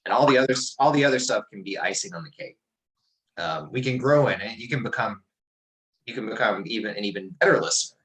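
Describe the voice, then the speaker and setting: Middle-aged guy teaching on a video call, lowish voice but bright and punchy, thinks out loud, lots of restarts. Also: fast, rough recording. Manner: relaxed, reflective storytelling with many restarts. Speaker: class teacher. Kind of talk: informal class talk over a video call.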